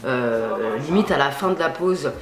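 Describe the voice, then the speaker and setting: A woman's voice: rumbling low, lively intonation, unhurried. Chatty woman doing a hair tutorial at home, lots of slang, roomy echo, chatter in the background. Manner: chatty and slangy, often trails off with fillers. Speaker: beauty vlogger. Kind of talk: casual hair-dye tutorial chat. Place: home at night.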